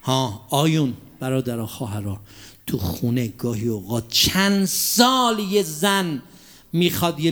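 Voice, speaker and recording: A man preaching a religious sermon, asking the audience rhetorical questions and reciting Arabic quotations slowly and deliberately. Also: mid-range voice. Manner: drops to a hushed near-whisper for emphasis.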